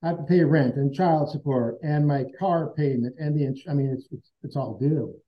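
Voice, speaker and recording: A man's voice: fairly high pitch, moderate pace. A man being interviewed as a guest, telling a personal story in an earnest, conversational way and acting out remembered dialogue. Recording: dull lo-fi sound.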